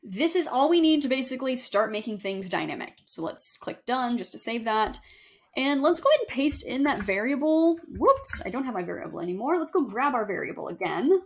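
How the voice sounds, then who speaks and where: A young woman with a slightly high voice talks through a screen-share software lesson, recorded on a webcam at home. She keeps it casual and chatty, stopping now and then to rephrase herself as she goes. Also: sing-song, fairly quick. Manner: casual, chatty, self-correcting with fillers. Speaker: email marketing instructor. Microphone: webcam overlay on screen recording.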